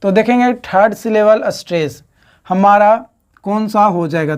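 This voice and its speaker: Slow, methodical woman teaching phonetics. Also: medium pitch, a little mellow. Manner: slow, repeats questions and answers to students; counts syllables aloud while writing. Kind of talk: recorded exam-prep lecture.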